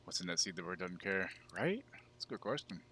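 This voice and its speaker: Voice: low voice, big pitch swings, brisk, sharp tone, slight background noise. A gameplay commentator chatting casually, with a crude, joking, slangy way of talking. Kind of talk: casual chat over gameplay.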